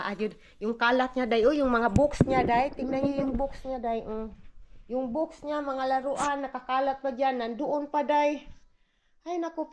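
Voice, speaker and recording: A woman's voice: high voice, reverberant. A middle-aged Filipino woman with a Visayan accent, chatting casually to her viewers in a home vlog and mixing English into her talk. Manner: chatty, keeps calling viewers "day", mixes English into Tagalog. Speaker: vlogger, stay-at-home mom. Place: family home indoors.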